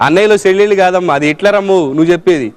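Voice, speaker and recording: A man's voice: sits high, rapid-fire, clean tone. A man hosting a children's quiz show, playfully teasing and coaxing a young contestant, often repeating himself. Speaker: game show host.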